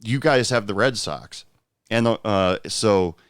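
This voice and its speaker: A man hosts a casual podcast conversation. He talks hesitantly, with many fillers, and laughs often. His voice is low and smooth, and the sound is dry. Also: takes it slowly, a bit bright, no room sound. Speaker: podcast host. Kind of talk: casual chat.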